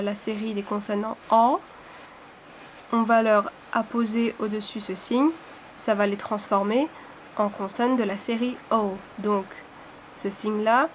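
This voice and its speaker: Female teacher, a bit high-pitched, slow and patient, spells out each syllable. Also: a little hiss or hum. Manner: slow, careful explanations with frequent hesitations; sounds out syllables clearly one by one. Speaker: language teacher. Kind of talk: online language lesson.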